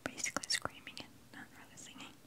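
Casting: woman for a whispered ASMR unboxing, fully unvoiced and breathy, thinking aloud gently at close mic. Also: fast talker. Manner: talks with a candy in the mouth. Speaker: ASMR video creator.

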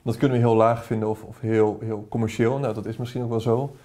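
A man's voice: mid-range voice, flat delivery, fast, mellow. A man presenting a book discussion, talking thoughtfully with small restarts. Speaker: presenter, institute director. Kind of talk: book discussion and read-aloud.

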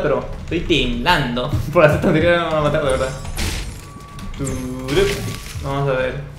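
A man, talking to himself over his own gameplay. He is excitable and curses often, with a fairly high voice. The sound is roomy and echoey, with loud noise behind him. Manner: excitable, swearing, talks to himself. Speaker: gameplay streamer. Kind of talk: live gameplay commentary.

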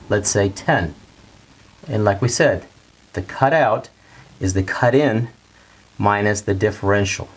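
A middle-aged man teaching a technical lesson at a whiteboard in a studio, talking plainly and steadily and repeating the key steps slowly. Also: lowish voice, slightly rough. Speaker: HVAC instructor. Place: bright indoor studio at a whiteboard.

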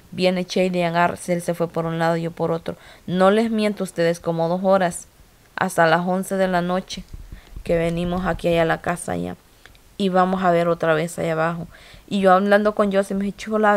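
Lady vlogging, lowish steady voice, tells it all emotional n repetitive. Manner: emotional, repetitive retelling with quoted dialogue. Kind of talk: casual storytelling to viewers.

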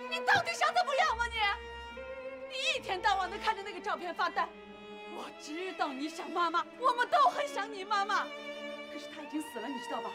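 A woman's voice: extremely high pitch, very animated, fairly quick. An actress playing a short-tempered aunt and young mother who scolds and nags sharply. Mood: harsh. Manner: scolding, sharp-tongued nagging. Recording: loud music score behind.

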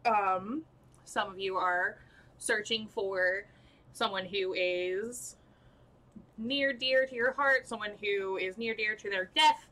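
A young woman narrating as dungeon master on a live stream, halting and full of fillers, laughing at her own slips. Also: mid-range voice, pushed and bright, rough recording.

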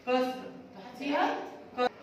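A high-voiced woman with an Egyptian accent teaches a kindergarten lesson, asking her questions and then answering them in a sing-song way. The recording is very echoey and catches her from a distance. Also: normal speed, dull audio, slight background noise. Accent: Egyptian Arabic.

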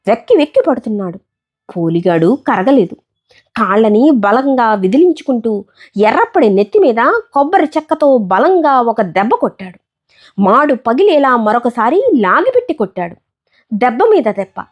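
A woman narrating a story in an expressive, emphatic way. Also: on the high side.

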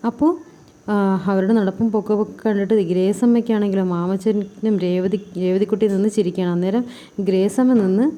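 Fast-talking woman retelling a serial. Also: mid-range voice, fairly even intonation, dark tone. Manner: chatty, keeps adding a tag word at line ends, acts out the dialogue lightly. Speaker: serial review vlogger. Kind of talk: casual retelling of a TV serial episode.

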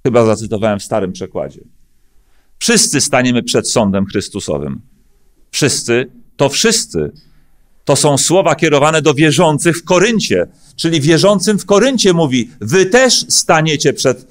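A man's voice: medium pitch, sing-song, a little slow. A middle-aged man from Poland, a pastor, preaching a sermon at a lectern, with earnest emphatic questions and frequent hesitant fillers. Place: church hall stage at a lectern. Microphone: lectern microphone.

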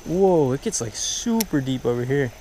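A man in his twenties chatting excitedly to viewers on an outdoor fishing vlog, slangy and upbeat, recorded on an action camera by a pond. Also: mid-range voice, moderate pace, a little hiss or hum. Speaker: fishing vlogger. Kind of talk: casual outdoor vlog commentary. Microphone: action camera, head-mounted and handheld.

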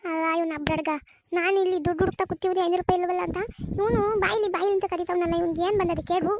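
A performer voicing a sharp-tongued village wife, scolding rapidly in a cartoon. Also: very high-pitched, steady tone, slight background noise. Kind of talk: cartoon voice acting.

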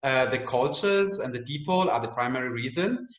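A man's voice: mid-range voice, normal speed. Young man in an echoey room. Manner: relaxed, chatty, laughs at himself. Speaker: host and game designer. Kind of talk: casual video-call interview. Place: room at home. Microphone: video call.

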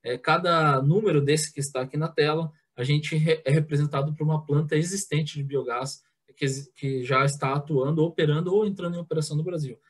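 Man, thirties, speaks a bit high, presents in a hesitant way full of fillers, headset mic on a video call. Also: steady tone, fairly quick, slightly rough. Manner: hesitant, frequent filler sounds and restarts. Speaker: president of a biogas association giving a talk. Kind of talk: online conference presentation.

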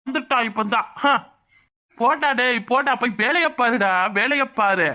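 A man voicing a hot-headed, dark-skinned young village man in a cartoon, boastful and quarrelsome, with a Kanyakumari Tamil accent. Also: very high-pitched, measured pace, heavily acted. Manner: boastful, quarrelsome, repeats words. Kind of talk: cartoon voice acting.

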